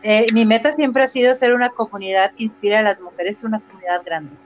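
A Mexican woman speaking Spanish as an interview guest, an animated storyteller who acts out her own reactions. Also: mid-range voice, brisk, dull audio. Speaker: interview guest, runner and entrepreneur. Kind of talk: casual interview over a live video call. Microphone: video call microphone.

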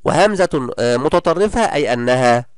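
A man teaching a primary school class in a recorded lesson, encouraging and praising his pupils often and drawing out example words slowly. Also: medium pitch, clear, resonant tone, no room sound, studio quality.

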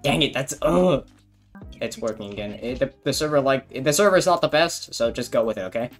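A man chatting casually with friends while playing a game, excitable and yelling when things go wild. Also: mid-range voice, fairly quick, soft background music. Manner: excitable, yells when hyped. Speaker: gamer. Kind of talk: casual gaming chat with friends.

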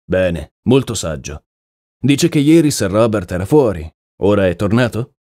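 A man voicing a shrewd, calm male detective in an audiobook, asking measured questions. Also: on the low side, no echo, clean studio sound, lightly acted. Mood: probing. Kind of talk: audiobook character reading.

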